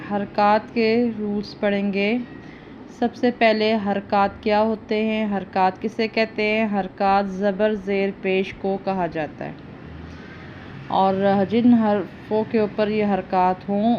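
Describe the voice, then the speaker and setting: Female Quran teacher with a Pakistani Urdu accent. She drills syllables slowly, gives quicker explanations, and is heard on dull audio with faint hiss. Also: medium pitch, darkish tone. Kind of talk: recitation lesson.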